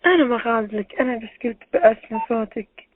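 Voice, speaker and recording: A woman on a phone call coaxes and flirts, her words tumbling out very fast. The line is tinny and dry, with no room around her voice. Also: a little high, husky, no echo. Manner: flirtatious and coaxing. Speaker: caller. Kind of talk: casual phone chat.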